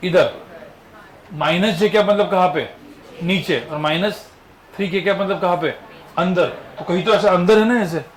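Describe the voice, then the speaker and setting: A man's voice: high voice, moderate pace, long pauses. A male physics teacher giving a classroom lecture, firing constant questions at his students. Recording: echoey classroom with faint ambience.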